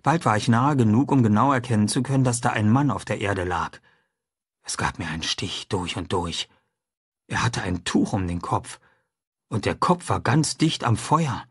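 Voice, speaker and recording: Brief: man reading a story aloud in the first person, husky timbre, dry booth sound. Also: lowish voice, expressive, moderate pace, no echo. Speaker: audiobook narrator. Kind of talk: first-person audiobook narration.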